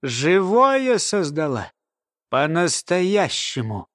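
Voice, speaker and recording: A woman's voice: sits low, big pitch swings, takes it slowly, no room sound, clean studio sound, exaggerated voice. A man voicing a sly old woman, a former nanny who mumbles and talks in a folksy way. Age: older.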